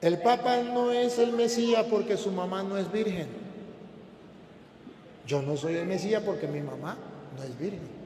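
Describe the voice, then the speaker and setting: Priest preaching in an echoey hall. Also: male voice, high-pitched, moderate pace, long pauses. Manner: emphatic, rhetorical questions put to the crowd. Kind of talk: preaching to a live audience. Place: large hall before an audience. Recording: echoey hall with loud background noise.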